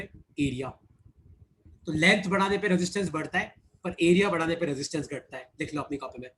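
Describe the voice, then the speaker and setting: A man's voice: on the high side, fairly bright tone, slight background noise. A man teaching physics in an online class, explaining step by step, repeating key points and teasing his students.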